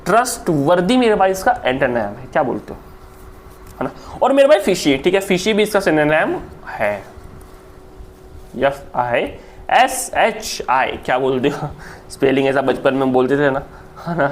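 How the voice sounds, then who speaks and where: A man's voice: a little high, unhurried, slight background noise. Chatty Indian man teaching vocabulary. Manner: lively, chatty, repeats words aloud, keeps saying "my brother". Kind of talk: online exam-prep lecture.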